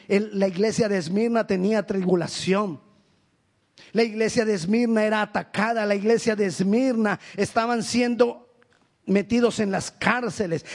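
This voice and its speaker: A man delivers a sermon as pastor in a high voice. He preaches emphatically, repeating phrases for effect. His pitch and loudness swing widely from line to line.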